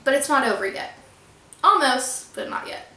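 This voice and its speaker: A woman's voice: high voice, big pitch swings, normal speed, bright, forceful tone. A young woman vlogger telling a storytime about her landlord and reading out emails in an earnest, upset but polite way. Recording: echoey room.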